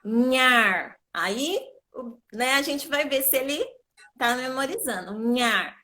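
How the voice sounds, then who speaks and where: Woman educator, fairly high voice, patient and explanatory, video call. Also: animated, measured pace, fairly bright tone. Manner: patient, explanatory, checks understanding often. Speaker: literacy educator. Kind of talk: live video call lesson.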